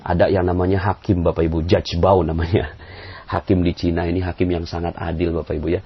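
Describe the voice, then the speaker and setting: A man's voice: little pitch movement, brisk, slightly rough. A man preaching to an audience in a conversational way, acting out quoted voices and chuckling often. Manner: conversational, acts out quoted voices with big pitch jumps; frequent fillers and chuckles. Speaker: Islamic preacher. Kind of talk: motivational religious talk. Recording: dull lo-fi audio.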